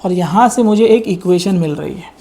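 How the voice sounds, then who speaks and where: A male maths teacher delivers an exam-prep lecture, working through every step and peppering students with rhetorical questions while mixing in English maths terms. His voice is high and warm, at normal speed.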